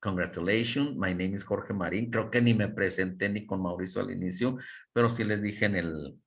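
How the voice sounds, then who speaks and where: A man's voice: fairly low pitch, normal speed. Man teaching English by video call. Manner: coaching, mixes Spanish and English, models intonation. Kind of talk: online class feedback.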